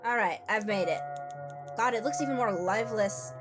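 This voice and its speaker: Music plays behind a woman who reads game text out loud at a moderate pace in a mid-range voice. She streams her playthrough with offhand, sarcastic quips throughout.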